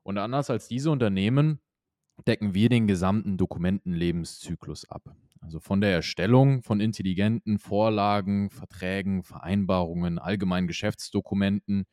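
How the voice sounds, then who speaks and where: A young man with a very low, dark-toned voice answers podcast interview questions, explaining his company fluently and at length like a startup founder on a business show. The recording is dry and close, with no room sound or echo.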